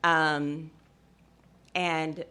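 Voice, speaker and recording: A woman's voice: deep voice, level tone, very slow, bright, forceful tone, clean tone. A woman from Ethiopia speaking on a discussion panel, hesitant and full of fillers, often laughing.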